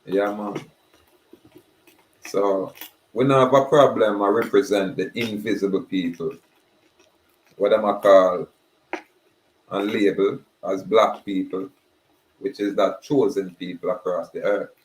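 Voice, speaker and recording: A man giving a slow, emphatic preaching monologue. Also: fairly low pitch, steady tone. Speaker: spiritual speaker. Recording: roomy echoey recording.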